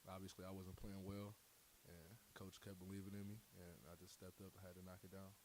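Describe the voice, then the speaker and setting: A man's voice: deep voice, level tone, brisk, darkish tone, a little hiss or hum. A young adult man, a college basketball player, giving brief, plainspoken answers at a press conference.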